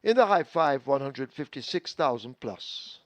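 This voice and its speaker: A man reading out racing payouts over the intercom as a racetrack announcer, measured and steady. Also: mid-range voice, dry recording. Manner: measured, reads out figures steadily. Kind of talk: public address results announcement. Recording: dull lo-fi dry PA feed.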